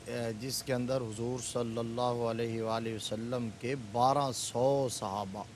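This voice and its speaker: Male scholar guest on a tv religious show, fervent storyteller, gets loud and emphatic, faint hiss. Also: mid-range voice, level tone. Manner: fervent, building to emphatic exclamations. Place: TV studio.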